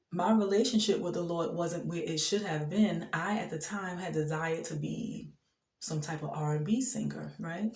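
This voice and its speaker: In an echoey room, a woman with a low, slightly mellow voice shares her faith testimony. She's earnest and emphatic yet casual, often laughing between thoughts as she speaks from the heart.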